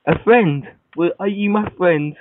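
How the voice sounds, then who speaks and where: A man's voice: sits high, unhurried. Pestering man on a tinny phone line. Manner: childlike, repetitive, pestering. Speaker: prank caller. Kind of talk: prank phone call.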